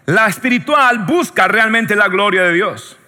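A pastor from Latin America preaching a sermon with a joking, animated storytelling manner. He keeps checking in with the congregation. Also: high-pitched, a little slow. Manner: joking, animated storytelling, often asks the audience "yes or no". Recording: long hall reverb.

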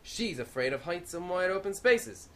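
Woman voicing a vain male station commander for an audio comedy, lowish voice, showboating. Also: lively intonation, moderate pace, a little hiss or hum, natural voice. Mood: smug. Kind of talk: comic radio-play acting.

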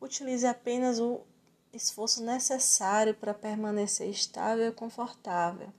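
A woman with a Brazilian accent teaching yoga and relaxation in a calm, soothing, measured way with gentle pauses. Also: fairly high pitch. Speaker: yoga instructor. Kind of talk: guided yoga and relaxation instruction.

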